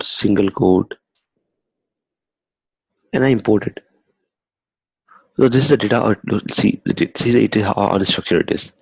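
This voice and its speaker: A young man talks through a screen-recorded coding lesson in a loose, conversational way, tucking "okay" between his phrases. His voice sits low and husky, with a gravelly edge, and the close mic sounds dry. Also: darkish tone, dry recording, rough recording. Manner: conversational, repeats "okay" often, restarts phrases. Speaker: instructor.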